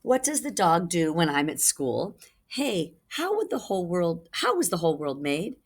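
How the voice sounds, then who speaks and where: Reading a storybook aloud to young children, a woman with a low voice speaks at a normal speed. Like a reading teacher, she is very animated, her pitch swinging up and down widely as she dramatically stresses key words.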